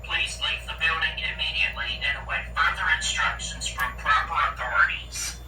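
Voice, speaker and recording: A man's recorded emergency announcement played over a building PA speaker, delivered in a calm, formal, scripted way. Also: fairly high pitch, moderate pace, faint music behind. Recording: echoey PA message heard from far off.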